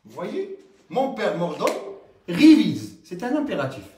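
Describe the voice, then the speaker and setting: A male teacher walks through a grammar lesson in a slow, hesitant delivery. His voice sits high and swings widely in pitch. He is recorded from a distance in an echoing room. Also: sing-song, slight background noise. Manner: slow, halting explanation with many fillers and rising question tags. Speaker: French teacher. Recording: roomy, from some distance.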